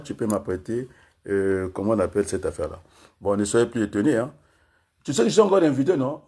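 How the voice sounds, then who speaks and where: Low husky man, rhetorical political talk. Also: warm tone. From Congo. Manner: rhetorical, keeps asking listeners for agreement; spells out words syllable by syllable. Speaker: political speaker.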